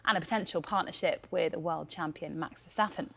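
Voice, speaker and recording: A woman co-presenting sports news on a breakfast show, reading crisply and teasing her co-host. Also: sits low, brisk, bright, forceful tone. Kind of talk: breakfast news sports bulletin with casual banter.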